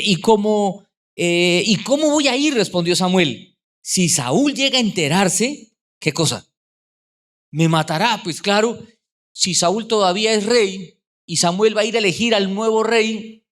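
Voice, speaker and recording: High-voiced pastor preaching conversationally. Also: male voice, fairly bright tone. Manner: conversational preaching, asking the congregation questions. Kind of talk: sermon.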